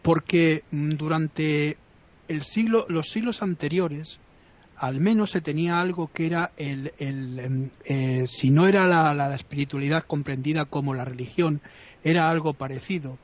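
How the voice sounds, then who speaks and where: A man from talks in a casual discussion, hesitating and restarting often. His voice sits slightly high, in a slightly muffled recording. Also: normal speed.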